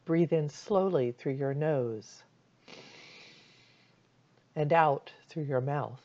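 Slightly muffled audio carries a female meditation guide's low, soothing voice at a very slow pace. She sounds calm as she unhurriedly gives instructions, leaving long pauses.

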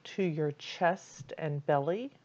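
Slow, soothing woman meditation guide. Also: deep voice, highs cut off. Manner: calm, soothing, unhurried instructions with long pauses.

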